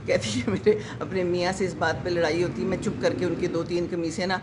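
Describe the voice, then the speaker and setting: A woman's voice: on the low side, steady tone, background noise. A woman in her sixties, a vlogger who chats casually and rambles to her live viewers, with many fillers.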